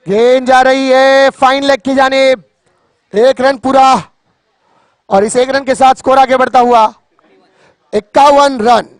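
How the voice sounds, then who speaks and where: Male cricket commentator, excited delivery, very high voice, dramatic poetic flourishes, dry sound. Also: takes it slowly, pauses often, dry recording. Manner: theatrical, repeats phrases for emphasis; poetic, breaks into recited verse.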